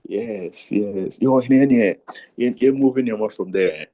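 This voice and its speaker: A man's voice: on the low side, a little slow, dark tone. A man with a Ghanaian accent chatting casually in a Rastafari reasoning manner, mixing Pidgin-flavoured English with Twi. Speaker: participant in an online Rastafari discussion. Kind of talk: casual chat.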